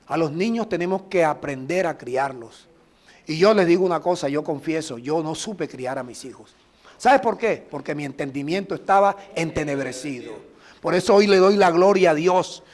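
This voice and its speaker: A middle-aged man from Colombia, a pastor preaching a sermon with emphatic, drawn-out phrases and prayers. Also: on the high side, lively intonation.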